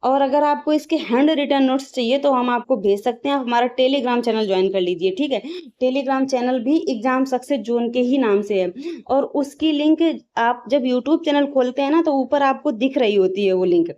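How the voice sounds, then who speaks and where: Female tutor, a touch high and mellow, poses questions and answers them herself, lo-fi recording. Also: normal speed. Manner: repeats "ठीक है" as a check-in, drills sounds aloud. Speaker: teacher. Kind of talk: exam-prep grammar lesson. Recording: slightly dull lo-fi audio.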